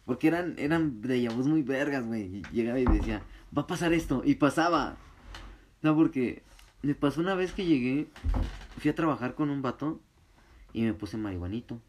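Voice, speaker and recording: A man's voice: mid-range voice, normal speed, slight background noise. Slangy Mexican man telling a story. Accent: Mexican Spanish. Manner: slangy, laughing, excitable storyteller. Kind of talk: casual storytelling.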